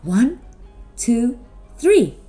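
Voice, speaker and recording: A middle-aged woman talking to children like a kids show host, animated, with simple questions and drawn-out words. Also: a little high, faint music behind. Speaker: children's presenter at a school Christmas service.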